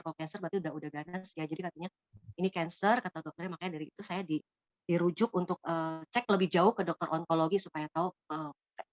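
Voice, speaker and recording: A woman's voice: on the low side, no echo. A woman from Bogor, Indonesia, giving a casual spoken testimony, chatty with many fillers and hesitations.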